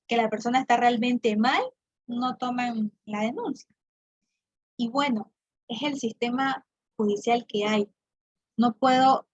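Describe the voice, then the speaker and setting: A woman's voice: on the high side, slightly rough, dry recording, dull audio. A woman psychologist giving a prevention talk to women, explaining step by step with examples and checking in often with her listeners. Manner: checks in often with "¿no es cierto?" and "¿bien?".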